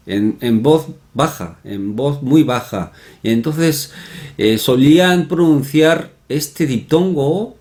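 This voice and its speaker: Slow, repetitive male language teacher. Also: mid-range voice, a little mellow. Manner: repetitive, checks in with tag questions. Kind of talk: explanatory online lesson.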